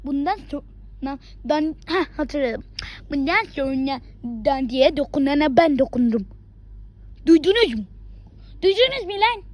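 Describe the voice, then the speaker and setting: A woman voicing a lonely, shunned soap seller in an amateur impression, drawn-out and theatrical. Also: sits high, animated. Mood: menacing.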